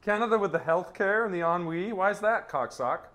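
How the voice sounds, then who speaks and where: A man loud and crude, heard over speakerphone. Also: high voice, lively intonation, brisk. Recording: phone speaker sound.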